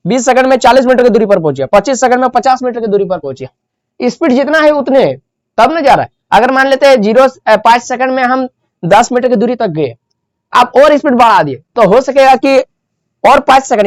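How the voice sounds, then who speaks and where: A woman's voice: on the high side, no echo. A woman teaching a physics lesson, explaining step by step and repeating the key terms. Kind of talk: classroom lecture.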